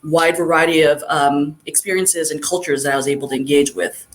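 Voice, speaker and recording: A middle-aged guest from Southern California, talking in a casual interview in a thoughtful, rambling way with many fillers. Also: female voice, sits low, fairly even intonation, a little fast, soft background music. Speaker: guest chiropractor.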